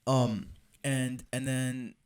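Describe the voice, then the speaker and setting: A young man co-hosting a casual anime chat, telling stories in a rambling, animated way with many restarts. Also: mid-range voice, extremely slow. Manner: rambling, animated storytelling with frequent restarts and laughs. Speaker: podcast co-host. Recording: roomy echo, mic at a distance.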